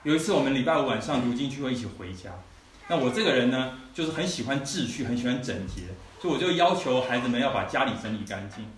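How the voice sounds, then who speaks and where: A man's voice: mid-range voice, expressive, fast talker. A man preaching a testimony in a conversational storytelling way, often turning to the listeners with asides. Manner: conversational storytelling, frequent "you know" asides. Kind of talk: sermon testimony. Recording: echoey hall, mic at a distance, faint noise.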